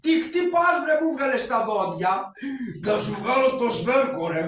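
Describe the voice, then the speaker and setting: A man voicing Karagiozis, a poor, cheeky and hungry shadow-puppet trickster, shouting and bantering quickly. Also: sits high, expressive, far from the mic. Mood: cheeky bickering. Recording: echoey hall from afar with music.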